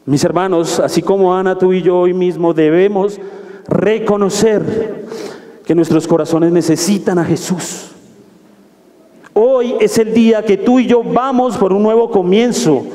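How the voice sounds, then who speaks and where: Brief: pastor preaching, high mellow voice, fervent, hall reverb. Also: male voice, fairly even intonation, unhurried. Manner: fervent, exhorting, swings from soft to raised. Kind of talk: sermon. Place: church hall. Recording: echoey hall.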